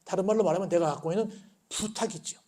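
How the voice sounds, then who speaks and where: Korean pastor preaching in church, high voice, keeps asking the crowd questions. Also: male voice, fast. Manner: call-and-response questions, animated storytelling. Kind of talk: sermon. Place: church sanctuary.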